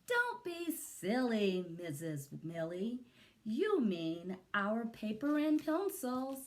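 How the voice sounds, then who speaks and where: Woman acting out slow, emphatic schoolchildren. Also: fairly high pitch, big pitch swings, pitched above the performer's own voice. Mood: playful correcting. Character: class of young children correcting their silly teacher.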